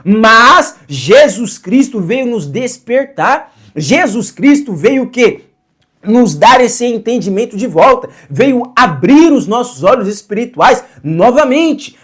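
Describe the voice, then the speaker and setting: A man's voice: sits high, fairly bright tone. Earnest male preacher with rhetorical questions. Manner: earnest, asks rhetorical questions and answers them; repeats phrases for emphasis. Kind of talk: sermon to camera.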